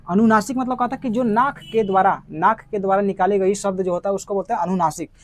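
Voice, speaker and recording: A man's voice: sits high, dry recording. A man with a Bihari Hindi accent, teaching a grammar lesson, repeating terms and checking understanding with rhetorical questions.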